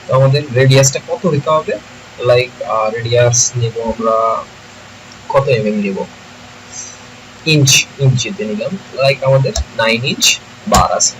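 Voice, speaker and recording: Guy doing a software tutorial, keeps asking if you got it, noisy mic. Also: mid-range voice, moderate pace, long pauses. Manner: thinks aloud, checks with listeners often. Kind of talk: screen-recorded tutorial. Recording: noisy home recording.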